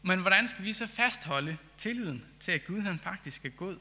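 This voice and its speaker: A man preaches a sermon with earnest conviction, leaning into key phrases as he builds his point. His voice is fairly high and notably bright and forward. It rings out with a long hall reverb, as if spoken in a church. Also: expressive. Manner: earnest, reads scripture then reflects with rising emphasis.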